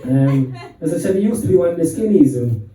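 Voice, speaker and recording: A man's voice: a little high, animated, fairly quick. A man in his thirties with a Limerick Irish accent, doing a crude, self-mocking stand-up set and bantering with a pub crowd. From Ireland. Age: 30s. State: slightly out of breath. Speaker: stand-up comedian. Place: pub stage with live audience. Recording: roomy pub sound from a distant mic.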